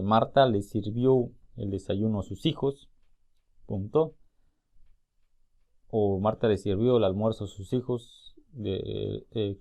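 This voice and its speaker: In a recorded spelling and grammar class, a male teacher with a medium-pitched, slightly mellow voice explains things step by step. He slowly sounds out the example words.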